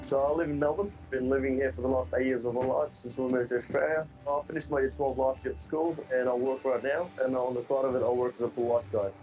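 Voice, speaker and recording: A man's voice: medium pitch, steady tone, fast, hardly any pauses. A young man in his twenties from Afghanistan, telling his story plainly in a recorded testimony. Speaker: interviewee, lifeguard. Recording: dull distant mic with soft music.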